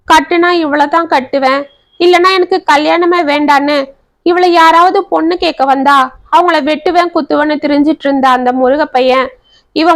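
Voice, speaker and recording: A woman's voice: sits high, a bit bright. A woman voicing a widowed village mother who laments her daughter's fate through tears in a family tale. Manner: lamenting, sobbing speech.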